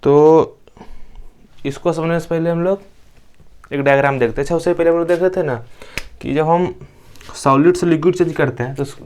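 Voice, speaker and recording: A man's voice: fairly high pitch, fairly even intonation, moderate pace, pauses often, darkish tone, slight background noise. A young man from India teaching a science lesson. He asks the class questions, answers them himself and repeats each key term. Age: young adult. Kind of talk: classroom lecture.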